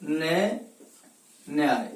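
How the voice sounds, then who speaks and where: A woman's voice: deep voice, lively intonation, drawn-out words, far from the mic. A woman teacher giving a recorded grammar lesson, repeating each example word and answering her own questions. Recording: roomy echo, voice set back from the mic.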